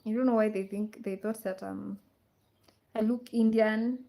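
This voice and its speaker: A woman's voice: medium pitch, steady tone, unhurried, vocal fry, dark tone. A woman from Kenya hosting a casual livestream, reading out viewer comments and repeating her questions to the audience. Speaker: livestream host. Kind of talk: casual live chat with viewers.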